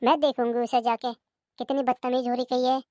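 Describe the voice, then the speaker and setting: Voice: sits high, flat delivery, very noisy, natural voice. A voice actor playing an indignant grown daughter who takes her mother's side in a comedy cartoon. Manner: brisk, scolding and protective.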